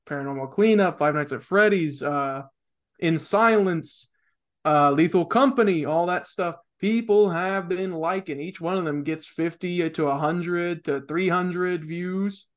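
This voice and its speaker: A young man co-hosting a gaming podcast with a fairly high voice. He chats in an upbeat way and rattles off examples as he goes. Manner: upbeat, lists things quickly. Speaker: podcast co-host. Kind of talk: casual chat.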